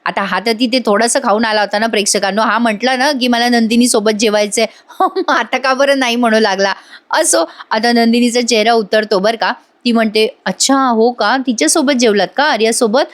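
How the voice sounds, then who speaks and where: Woman reviewer, chatty voice-over recap, fairly high voice. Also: steady tone, fairly quick. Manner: chatty, addresses viewers often. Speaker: TV serial reviewer.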